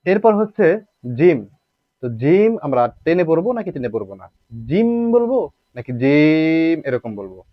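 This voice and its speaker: A man's voice: a little high, very animated, quick pace, no room sound, highs cut off. A man teaching Arabic letter pronunciation in a patient, repetitive way, asking rhetorical questions and drawing out sounds to demonstrate them. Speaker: Quran recitation teacher.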